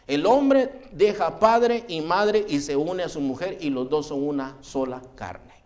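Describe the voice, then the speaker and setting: A man's voice: a little high, expressive, measured pace, darkish tone. A man, a pastor, preaching a sermon in a direct, admonishing way, calling his listeners "brother" again and again. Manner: addresses the congregation as "hermano" over and over.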